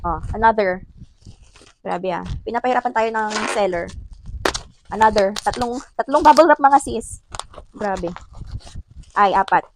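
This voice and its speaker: A woman's voice: medium pitch, unhurried, long pauses, background noise. A woman from the Philippines chatting casually to her viewers in an unboxing vlog, laughing often and calling them sis. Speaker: vlogger.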